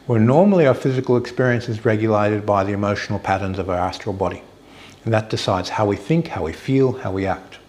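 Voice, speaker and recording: A man teaching informally, explaining step by step with pauses as he finds his words. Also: fairly low pitch, darkish tone. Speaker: teacher of hypnotherapy and meditation.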